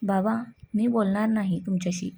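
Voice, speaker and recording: A woman's voice: medium pitch, fairly even intonation, normal speed, vocal fry, warm tone, slightly rough. A woman doing a stubborn, irritated young woman. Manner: irritated, pleading.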